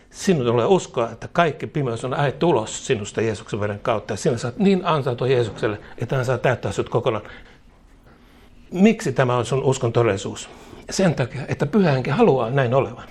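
A man's voice: mid-range voice, lively intonation, a little mellow, slightly rough. A man preaching a charismatic sermon in emphatic, rhythmic repeated phrases, chuckling now and then.

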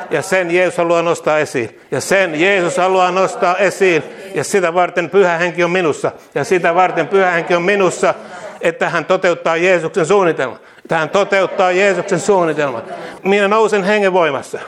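A man preaching with fervent energy, saying each declaration twice and breaking into laughter and sudden cries. His voice sits a little high for a man. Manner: repeats each line, laughing and exclaiming "tang"; fervent declarations, calmer teaching later. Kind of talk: charismatic sermon and prayer.

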